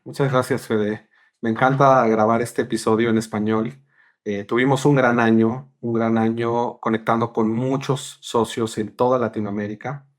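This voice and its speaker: Male podcast guest, mid-pitched voice, speaking with hesitant pauses and repeated words as he thinks aloud. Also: steady tone. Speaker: podcast guest, regional partner director. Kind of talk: conversational interview answers.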